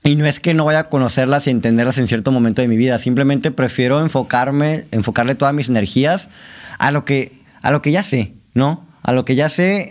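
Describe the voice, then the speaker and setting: A man with a Mexican accent, a director and teacher, talking casually as a podcast guest, full of slang and "¿no?" tag questions. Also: mid-range voice. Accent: Mexican Spanish. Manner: animated, slangy, many fillers and tag questions.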